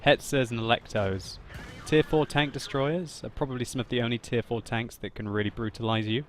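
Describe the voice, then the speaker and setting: A man provides voice-over commentary on his own tank battle gameplay, laughing a lot and getting loud and excited when big moments hit. His voice is mid-range and fairly quick, with soft music playing in the background.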